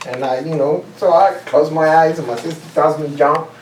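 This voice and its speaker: In a club meeting room, a man from Costa Rica with a high-leaning, darkish voice tells funny stories as a contest speech, sounding far off and echoey. He laughs at his own jokes and restarts haltingly, and the roomy recording, made with a distant mic, carries faint hiss.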